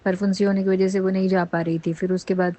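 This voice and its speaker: A woman's voice: mid-range voice, little pitch movement, fast, warm tone. A woman in her forties sharing a personal devotional testimony, telling it in an earnest, rambling way with frequent restarts.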